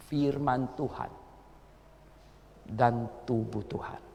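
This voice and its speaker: A man preaching a sermon to his congregation, emphatic, repeating phrases and swinging between quiet asides and loud exclamations. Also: mid-range voice, vocal fry, big-room sound. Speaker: pastor.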